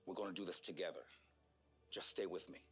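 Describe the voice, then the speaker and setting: A man speaking as a father, calmly coaching his daughter through a race. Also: deep voice, fairly quick, husky, faint music behind. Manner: calm, encouraging. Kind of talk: scripted motivational voice-over.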